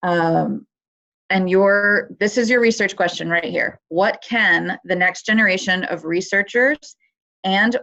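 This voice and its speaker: A woman's voice: lowish voice, vocal fry, a bit bright. A woman presenting a webinar, talking through her slides in a conversational way with many fillers, heard over dull computer audio. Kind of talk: explaining a competition on a webinar.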